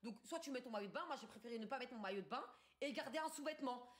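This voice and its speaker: Fast, high-pitched woman ranting angrily. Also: expressive. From France. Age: 20s. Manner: agitated, ranting, street slang and swearing. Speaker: livestreamer. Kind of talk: angry storytelling rant on a live stream. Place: her bedroom. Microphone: phone camera.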